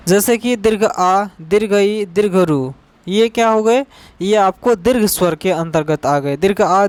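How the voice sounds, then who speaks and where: Grammar teacher, clear smooth voice, close and dry sound, repeats definitions, quizzes the class rhetorically. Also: mid-range voice, dry recording. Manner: repeats each definition and asks rhetorical questions; spells out letters and examples slowly. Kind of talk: exam-focused grammar lesson.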